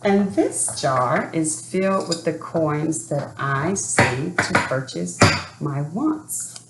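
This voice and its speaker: Speaking slowly and deliberately, a woman with a low voice reads a children's book aloud as an educator, leading young listeners through the story and asking them questions. Her delivery is expressive, and she also talks to families. The room is echoey, with faint background noise.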